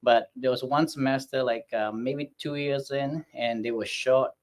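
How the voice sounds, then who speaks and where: A man's voice: medium pitch, fairly even intonation, unhurried. A middle-aged man from Malaysia, a hospitality school dean, telling his career story in a chatty, self-deprecating way. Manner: chatty, self-deprecating, acts out quoted voices. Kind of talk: storytelling interview answer.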